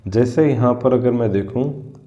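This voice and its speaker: A man teaching English grammar, talking slowly and sounding out example words one at a time. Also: mid-range voice, dark tone. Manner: slow, spells out sounds word by word. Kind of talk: whiteboard grammar lesson. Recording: echoey, dull lo-fi room sound.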